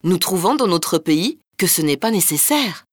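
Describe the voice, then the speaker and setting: A woman voicing a calm, gentle young boy apprentice in a folk tale, speaking simply. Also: lowish voice, moderate pace, no room sound, studio quality.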